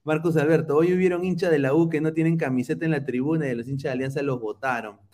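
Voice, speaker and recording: A man's voice: on the high side, steady tone, fast talker, a little mellow. A man hosting a football podcast in casual chat, teasing rival fans as he reads viewer comments. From Peru. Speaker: podcast host.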